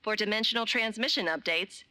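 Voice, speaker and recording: A woman voicing an automated office phone menu, with a measured, polite, impersonal delivery. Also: medium pitch, sharp tone, lightly acted. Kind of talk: recorded phone menu announcement.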